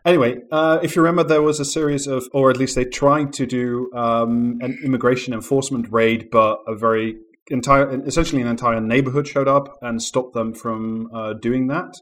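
A man hosting a podcast and chatting casually with his guests. His diction is careful and clear, his pitch sits in a middle range, and he laughs easily. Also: steady tone, a little fast. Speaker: podcast host. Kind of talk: casual chat.

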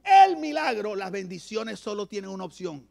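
High, gravelly-voiced male preacher. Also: sing-song, normal speed. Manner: emphatic preaching, swinging from loud to low. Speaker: pastor. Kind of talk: sermon. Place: church.

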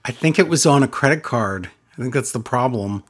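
A man hosting a podcast in casual chat, pitching perks to listeners in a playful, salesy way. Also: lively intonation, fairly quick, slightly rough. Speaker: podcast host.

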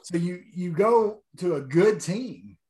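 A man's voice: sits high, lively intonation, takes it slowly, warm tone. A man hosting a casual sports interview, talking like an enthusiastic fan. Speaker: interview host.

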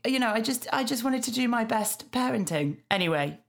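Fairly quick and expressive, a Yorkshire podcast co-host in her thirties or forties speaks at a fairly high pitch with vocal fry. She chats casually about TV in British English, often poking fun at herself.

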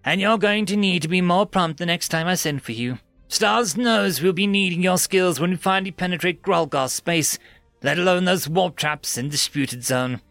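A man's voice: sits high, moderate pace, gravelly, a bit bright, no room sound, soft background music, voice pushed up. A man voicing a stern, commanding female starship captain.

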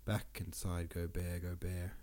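He has a low, unhurried voice and a stuffed-up, sniffly sound. As a podcast host, this man reads old verse aloud and chats about it with relaxed asides, keeping the reading and commentary casual.

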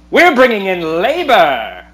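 A man's voice: extremely high pitch, a bit bright, voice pushed up, exaggerated voice. A man on a podcast putting on the voice of a 1930s newsreel announcer, declaiming with showy enthusiasm. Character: old-time 1930s newsreel announcer, male, booming and upbeat. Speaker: podcast co-host. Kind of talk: casual podcast chat.

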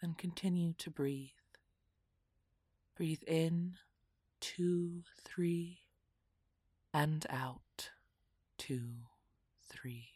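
A woman guiding a relaxation meditation in a soft, half-whispered, soothing voice. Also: low voice, extremely slow, long pauses, husky, no room sound, clean studio sound. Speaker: meditation guide.

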